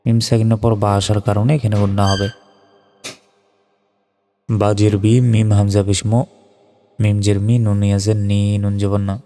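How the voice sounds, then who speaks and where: A man's voice: fairly low pitch, little pitch movement, unhurried, pauses often, warm tone. A man teaching Quran reading, spelling each letter and vowel in turn and then chanting the whole word in a melodic recitation. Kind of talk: slow spelling-out recitation lesson. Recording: reverberant with faint background music.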